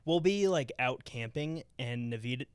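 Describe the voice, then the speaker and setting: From the couch in his home living room, a young man hosts a casual podcast, chatting and rambling loosely with lots of fillers and restarts. His medium-pitched voice is expressive and smooth at a measured pace, with no room sound.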